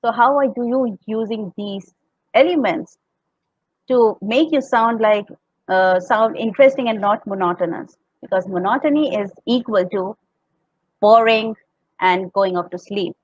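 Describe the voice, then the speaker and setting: A woman's voice: medium pitch, unhurried, no echo, lo-fi sound. A woman with an Indian accent, teaching a talk on public speaking. She explains step by step and acts out tones as examples. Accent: Indian English. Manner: explains step by step, demonstrates tones and laughs often.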